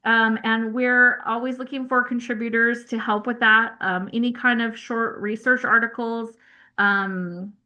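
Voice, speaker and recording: On a video call, a woman presenting as a family newsletter editor speaks haltingly and self-consciously, full of fillers and apologies. Her voice is on the high side, pushed and bright.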